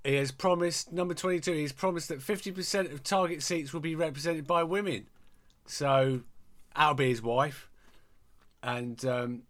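A man's voice: fairly high pitch, moderate pace, a bit bright, close to an everyday voice. A man playing a self-important conspiracy-theorist podcast host, rambling and crude. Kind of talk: comic character podcast.

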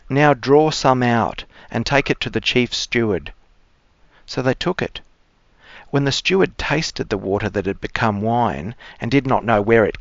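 A man speaking as a cleric, giving measured, formal scripture readings and reflection. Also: mid-range voice, no echo. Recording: dry, slightly dull close sound.

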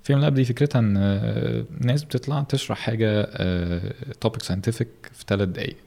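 A man with an Egyptian Arabic accent talks quickly as a podcast guest. His voice is low and creaky, and he speaks in a casual, conversational storytelling way. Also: warm tone. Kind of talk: casual interview chat, telling stories.

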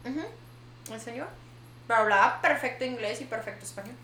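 Brief: female podcast host, high bright voice, animated code-switching storyteller, echoey room. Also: brisk. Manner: animated, dramatic storyteller switching between Spanish and English. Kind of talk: casual storytelling chat. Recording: echoey room with faint ambience.

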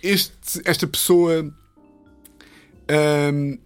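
A man's voice: fairly high pitch, steady tone, clear, resonant tone, faint music behind. A man running a casual guessing game, teasing and rambling. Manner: joking, teasing, fast and rambling.

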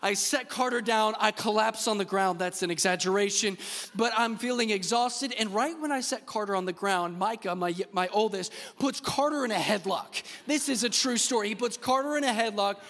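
High-voiced joking pastor in a hall. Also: male voice, normal speed. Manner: lively, joking storyteller talking straight to the crowd. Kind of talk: sermon with personal stories. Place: church stage. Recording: long hall reverb.

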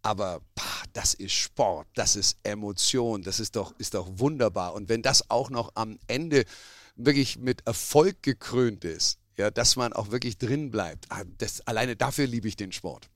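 A man's voice: on the low side, measured pace, no room sound, studio quality. A man giving a spontaneous answer in a football interview.

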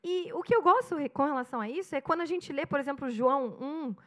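A woman's voice: high-pitched, fast. A woman pastor in her thirties from Brazil with a Curitiba accent, preaching a sermon and acting out little dialogues as she tells stories. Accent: Brazilian Portuguese, Curitiba. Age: 30s. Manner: animated storytelling, acting out dialogue.

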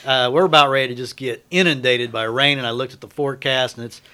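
Bright-voiced American man chatting on sports radio. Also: medium pitch, steady tone, quick pace, clear, resonant tone. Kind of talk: casual chat. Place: radio studio.

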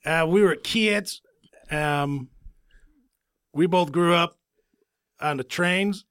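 A man playing an eccentric radio guest who tells rambling, deadpan absurd stories in a comedy sketch. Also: a little high, slow pace, clear, resonant tone, dry recording, studio quality.

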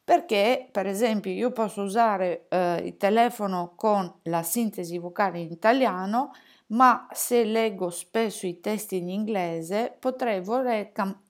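A woman's voice: medium pitch, unhurried. A woman explaining phone settings step by step in a tutorial, with fillers and self-corrections. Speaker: teacher demonstrating a phone.

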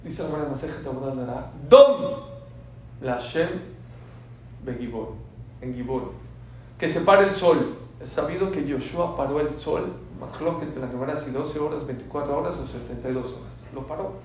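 Guy giving a sermon, kinda high voice, super echoey hall, sounds far from the mic. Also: normal speed. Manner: animated, swings from soft to loud emphatic bursts. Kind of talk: sermon with storytelling. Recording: very echoey room from far off, faint hiss.

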